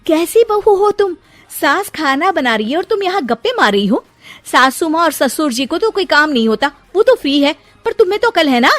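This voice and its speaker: A woman voicing a bossy middle-aged mother-in-law who scolds loudly and shrilly in a cartoon story. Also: high-pitched, lively intonation, normal speed, soft background music, voice pushed up. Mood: scolding.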